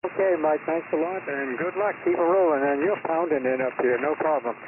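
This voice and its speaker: A man's voice comes through a fading shortwave radio, thin and tinny under a layer of static. He talks in brisk, friendly call-sign shorthand as an amateur radio operator, with a slightly high pitch. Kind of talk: radio contact exchange.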